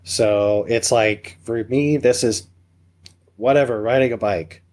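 A man's voice: mid-range voice, takes it slowly, darkish tone. A man talking as a guest on a parenting podcast, joking and emphatic, firing off rhetorical questions. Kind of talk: casual conversational interview.

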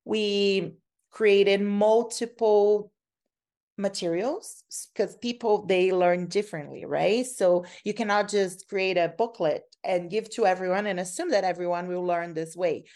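A woman's voice: mid-range voice, fairly even intonation, measured pace, a little mellow. A woman from Brazil with a Brazilian Portuguese accent, a native Portuguese speaker, answering interview questions as a researcher in an earnest, explanatory way. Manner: earnest and explanatory, repeats and restarts words. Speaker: guest researcher.

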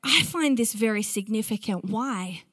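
Woman pastor, bright and high, animated delivery with playful asides. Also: moderate pace, no echo. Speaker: preacher. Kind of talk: sermon.

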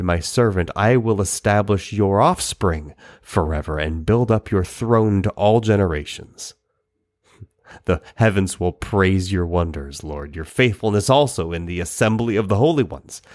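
A man reads scripture aloud in a fairly low voice, giving each psalm an expressive, dramatic reading. His delivery climbs on pleading lines and settles back down between verses. The sound is dry, with no room around it. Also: no echo. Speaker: Bible reader.

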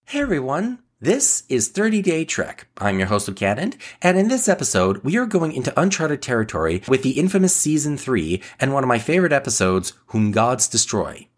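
A man presents scripted commentary as the host of a review show. His pitch is middling and moves around a great deal from phrase to phrase. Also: big pitch swings, brisk, hardly any pauses.

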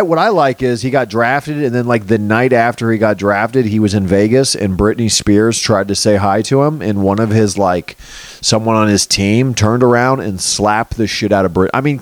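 Profane, rambling comedian with a low voice. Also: male voice, normal speed, no echo. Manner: crude, profane and sarcastic; jumps loosely between topics. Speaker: comedian and podcast host. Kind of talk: rambling comic monologue.

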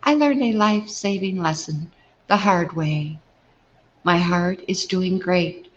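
A woman's voice: fairly low pitch, slow pace, highs cut off, a little hiss or hum. A woman narrating a personal story in a humorous, chatty, self-deprecating way.

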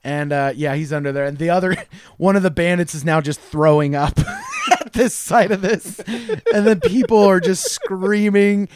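A man's voice: fairly high pitch, huge pitch swings, normal speed, smooth, no room sound. A man running a tabletop game as game master, telling the scene loosely with fillers and frequent laughter.

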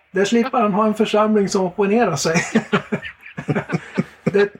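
A Swedish man sharing a faith testimony in lively storytelling, animated and laughing often. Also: high voice, slight background noise. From Sweden.

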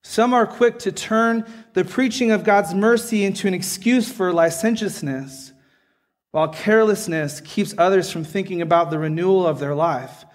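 A man's voice: sits high, normal speed. A man preaching a sermon earnestly, often checking in with the listeners by asking "right?". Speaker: pastor.

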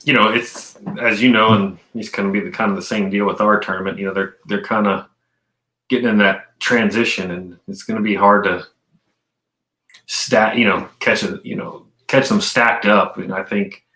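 A man's voice: on the low side, fairly even intonation, moderate pace, pushed and bright. A man chatting casually as a podcast guest, with laid-back, slangy phrasing, recorded in an echoey room. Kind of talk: casual chat.

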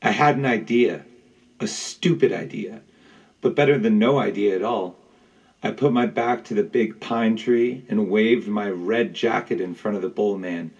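A man narrating a first-person adventure story aloud in a measured, dramatic way. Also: lowish voice, a little mellow, husky, far from the mic, rough recording. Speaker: audiobook narrator. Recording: voice set back from the mic.

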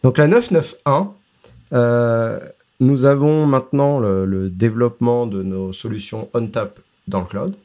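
A man's voice: medium pitch, measured pace, warm tone. A man co-hosting a casual tech podcast, explaining product releases with frequent hesitations and English tech terms mixed in.

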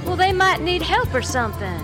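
Casting: an actress as a soft-hearted woman, kindly and drawling, with faint music behind. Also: very high voice, sing-song, a little fast. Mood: exasperated. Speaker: lead character Thyme.

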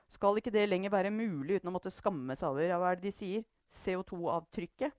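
A woman's voice: fairly low pitch, darkish tone, no echo, studio quality, lightly acted. A woman voicing a blunt, slightly deaf older man who speaks without thinking. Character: blunt older man, hard of hearing, clumsy.

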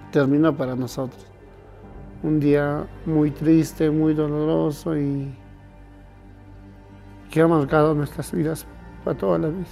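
A man's voice: a little high, creaky, dark tone. A Peruvian man recounts his brother's death in a subdued, weary, hesitant voice. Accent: Peruvian Spanish. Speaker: brother of a victim. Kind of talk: documentary testimony.

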